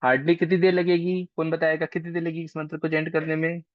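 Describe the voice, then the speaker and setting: A man's voice: fairly high pitch, level tone, fast, no room sound. A man teaching an online astrology class in a casual, chatty way, coaxing and teasing his students, heard over a video call. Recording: dry, dull lo-fi call audio.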